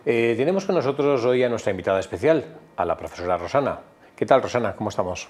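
A man's voice: medium pitch, lively intonation, fast, a little mellow. A man hosting a TV talk show, speaking courteously with frequent "eh" fillers. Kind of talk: formal TV chat introduction.

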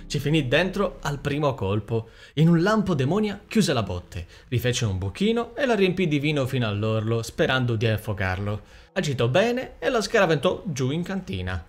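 A man reading a fairy-tale audiobook aloud with expressive storytelling. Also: mid-range voice, normal speed. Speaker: audiobook narrator. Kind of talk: scripted narration.

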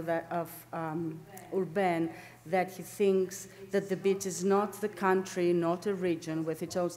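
A middle-aged Greek woman, a landscape architect, gives an academic seminar lecture from a lectern in an indoor lecture room. Her low, slightly mellow voice carries a Greek accent, and she speaks haltingly, searching for words and correcting herself.

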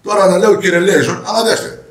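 A man's voice: sits high, steady tone. An older man, a parliamentary candidate, answering interview questions with anecdotes and acted-out quoted dialogue. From Greece. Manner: storytelling, acting out quoted dialogue. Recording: roomy echo.

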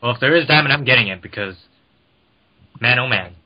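A man's voice: mid-range voice, fairly quick, heavy background noise. A man chatting casually during a game with friends, joking and swearing loosely. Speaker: gamer. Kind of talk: casual gaming chat.

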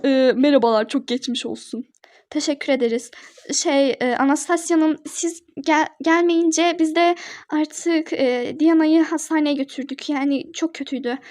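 Bir kadının oynadığı nazik hastane hemşiresi. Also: female voice, sits high, fairly even intonation, normal speed, darkish tone, natural voice. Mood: gentle. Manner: soothing, polite, hesitant. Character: calm reassuring hospital nurse, woman.

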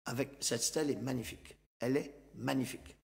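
Gravelly man telling stories. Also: mid-range voice, fairly quick. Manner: lively storyteller who acts out other people's lines and laughs often. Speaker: mayor as talk show guest. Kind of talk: animated anecdote telling. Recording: long reverb.

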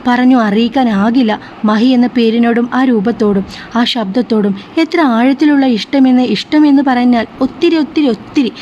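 A woman reading a story aloud in soft, steady scripted narration, in a slightly muffled recording. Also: a little high, normal speed. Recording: slightly muffled with faint hiss.

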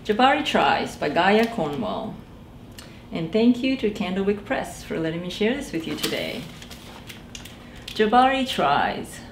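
At storytime in a small library room, a thirty-something librarian reads a picture book aloud in an unhurried, medium-pitched voice. She's lively, voices the characters, and talks directly to the children, while the recording picks up room echo and faint background noise.

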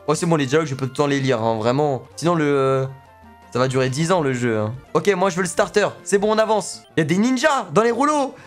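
A man's voice: on the high side, fast talker, soft background music. A young man streaming a video game, chatting casually in slang and joking as he plays. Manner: slangy, joking, reacting aloud. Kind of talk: casual let's play commentary.

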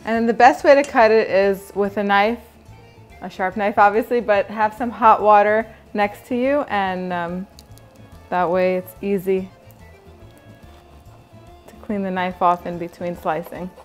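A woman with a mid-range voice hosts a cooking demonstration, talking viewers through each step in an upbeat, chatty way. Faint music plays softly behind her in what sounds like a home kitchen. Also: mid-range voice, steady tone, unhurried, pauses often. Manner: chatty, upbeat, instructional, addresses viewers directly. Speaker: cooking channel host.

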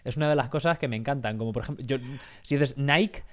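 A man's voice: medium pitch, rapid-fire, darkish tone. A man from Spain hosting a podcast, speaking with a Spain Spanish accent in casual chat, rambling through many fillers and restarts. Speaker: podcast host.

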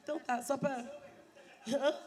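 A middle-aged samba singer and show host, hoarse and losing her voice after many shows, chats fast and laughs with a live audience through a handheld mic between songs. Her voice is high-pitched with fairly even intonation and a darkish tone. On an indoor bar stage, a live samba band plays and the crowd chatters behind her.

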